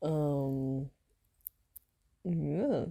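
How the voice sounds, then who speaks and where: A low-voiced woman talks casually ahead of an ASMR role-play, unhurried and rambling. Her tone is mellow and soft-spoken, and she drifts into whispers now and then. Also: vocal fry. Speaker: ASMR voice actor.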